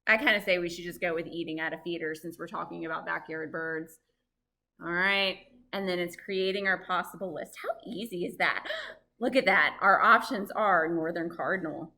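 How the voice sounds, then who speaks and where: A woman presenting a live, lively lesson for families, chatting and asking her audience questions. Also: fairly low pitch, normal speed. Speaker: library program presenter on birds.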